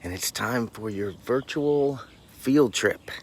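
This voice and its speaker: A man's voice: medium pitch, takes it slowly, breathy edge. A man hosting a casual morning beach report outdoors, chatting politely and encouragingly. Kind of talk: casual vlog narration and chat.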